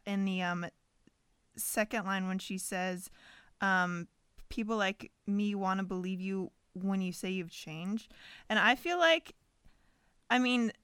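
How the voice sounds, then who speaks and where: A woman's voice: mid-range voice, slow pace, fairly bright tone, clear, resonant tone, dry recording, clean studio sound. A woman co-hosting a casual podcast, chatty and laughing easily. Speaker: podcast co-host.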